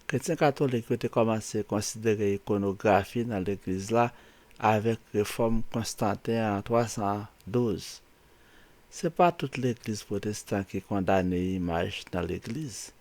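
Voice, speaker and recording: Haitian-accented man, daily saints host, unhurried delivery, proverbs and scripture, exhorting tone. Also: fairly low pitch, darkish tone. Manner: exhorting, strings of proverbs and Bible verses. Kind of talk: spoken religious reflection.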